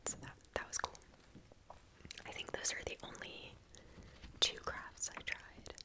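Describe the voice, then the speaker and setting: A woman in her twenties whispering a casual ASMR storytime in a quiet, hushed bedtime voice, chatty and informal. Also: a little slow. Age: 20s.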